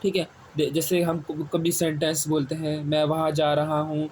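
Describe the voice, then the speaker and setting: Male Quran teacher repeating questions slowly. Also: fairly high pitch, flat delivery, a little mellow. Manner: asks questions and answers them himself, repeats key words slowly. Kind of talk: step-by-step classroom explanation. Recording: faint background noise.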